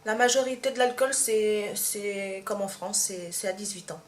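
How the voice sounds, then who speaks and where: A woman's voice: medium pitch, moderate pace. Young Martinican woman vlogging in echoey room. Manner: hesitant, many fillers and restarts. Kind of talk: casual tag video to camera. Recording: echoey room, faint background hum.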